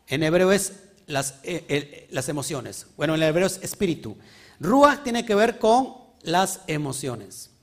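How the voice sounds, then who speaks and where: A man preaching a sermon, asking his listeners frequent questions. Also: on the high side. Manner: animated, asks the congregation questions often. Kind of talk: sermon teaching.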